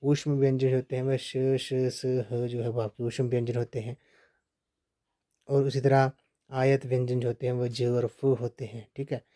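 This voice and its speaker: A man teaching a Hindi grammar lesson for exam preparation, steady and repetitive, often checking in with "ठीक है". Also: medium pitch, unhurried. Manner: steady, repeats points with frequent "ठीक है" checks.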